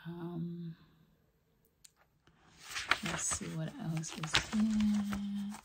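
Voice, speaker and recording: A woman with a low voice delivers whispered ASMR chat, slipping between breathy whispers and soft speech. She is close to the microphone, and the recording has clear background noise with clicks. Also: fairly even intonation, very slow. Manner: soft, repetitive trigger words. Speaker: ASMR host.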